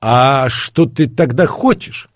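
A man voicing a sardonic, calm older man who speaks low and slow. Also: no echo, clean studio sound.

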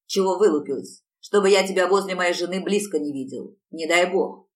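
A woman's voice: low voice, fairly even intonation, brisk, fairly bright tone. A woman reading the part of a coarse, bullying man who barks threats and orders, picked up from a distance. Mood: menacing. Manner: menacing, barking orders. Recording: distant mic.

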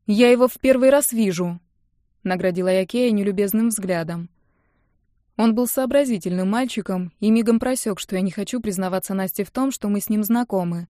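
Mellow woman reading an audiobook. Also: medium pitch, a little fast, dry recording, studio quality. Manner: lively, indignant when quoting herself. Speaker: audiobook narrator. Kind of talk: first-person scripted narration.

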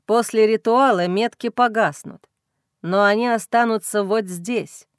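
A woman voicing a young male werewolf alpha, intense and tender, in a lowered, hushed voice for an audiobook. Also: measured pace, smooth, no room sound, clean studio sound, close to an everyday voice. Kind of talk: audiobook reading.

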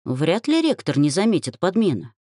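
A woman's voice: fairly low pitch, big pitch swings, moderate pace, warm tone, dry recording, clean studio sound. A woman voicing a weary young heroine who grumbles wry remarks.

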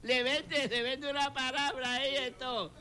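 This older man from Puerto Rico has a very high-pitched, bright, forceful voice that barely moves in pitch and never hurries. A pastor with a Puerto Rican Spanish accent, he delivers a fervent testimony on a talk show, repeating lines for emphasis and performing the dialogue he quotes.

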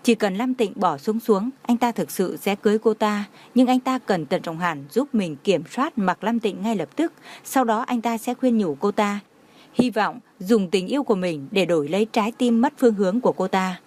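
A woman's voice: mid-range voice, animated, moderate pace, a little mellow. A woman reading a romance novel aloud as a narrator, voicing every character's lines in her own voice. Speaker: audiobook narrator.

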